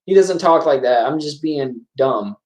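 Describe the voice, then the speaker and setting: A chatty man hosts a casual live-stream movie commentary, rambling and correcting himself as he goes. His pitch moves up and down a lot. The room around him is roomy and echoing. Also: expressive, unhurried, darkish tone. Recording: roomy echo.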